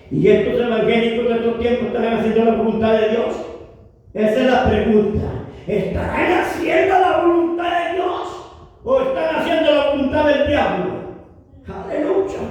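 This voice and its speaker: High-voiced shouting preacher in echoey hall. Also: male voice, normal speed. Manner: emphatic, bursts into shouting, peppers speech with "hermano" and "aleluya". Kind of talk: evangelistic sermon. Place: church hall. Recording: echoey hall, voice from far off the mic.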